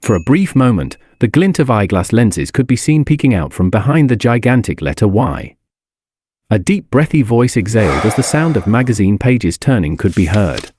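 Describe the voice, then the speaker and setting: Lively male storybook narrator. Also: fairly low pitch, normal speed, slightly rough. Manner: expressive, lively reading.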